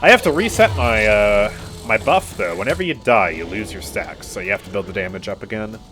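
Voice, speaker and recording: Brisk and lively in intonation, a man with a fairly low yet fairly bright voice streams a game from his home room over soft background music. He chats casually and cheerfully, laughs a lot, and sounds congested and a little nasal from a cold during his live commentary.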